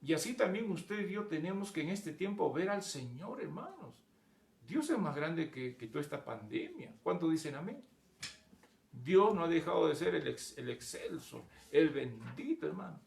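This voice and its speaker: A male pastor delivers a sermon in a gravelly, slightly high voice. He repeats words and keeps addressing his listeners as brothers. The sound rings in an echoey church room. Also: very animated, moderate pace, darkish tone.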